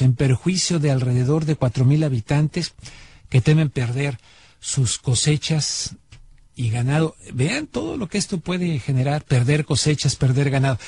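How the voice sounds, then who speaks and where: A man hosts a talk show from a studio mic. His voice sits a little high with a husky grain and dry, close sound. He presses his questions directly. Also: darkish tone, dry recording. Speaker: radio talk show host. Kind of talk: broadcast talk show hosting. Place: broadcast studio.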